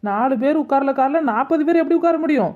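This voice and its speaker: A high-pitched village woman in a cartoon, voiced by a woman teases her friends and gently coaxes others to talk. She, and the recording sounds dull and lo-fi. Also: expressive, quick pace. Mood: teasing. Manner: teasing, coaxing. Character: teasing, coaxing village woman. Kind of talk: animated cartoon dubbing.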